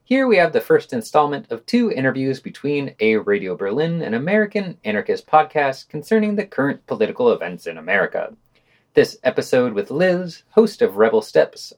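Male podcast co-host, news-roundup reader, animated intonation, dry sarcastic commentary. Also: fairly high pitch. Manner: sardonic, opinionated asides between read quotes.

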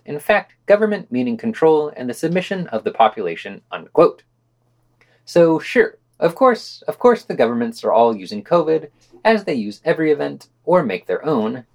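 Male podcast co-host, news-roundup reader, animated intonation, dry sarcastic commentary. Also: medium pitch. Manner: sardonic, opinionated asides between read quotes.

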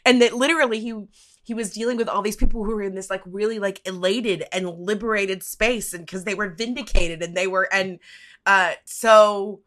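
Speaking at a normal speed with fairly even intonation, this woman from the United States has a medium-pitched, fairly bright voice. As a podcast guest covering the week's topic, she rambles casually in a wry, reflective manner.

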